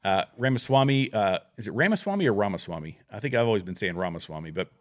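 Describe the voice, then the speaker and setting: Rambling low-voiced man hosting. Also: animated, fast. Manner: rambling, restarts, reads news aloud. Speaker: podcast host. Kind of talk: casual political chat.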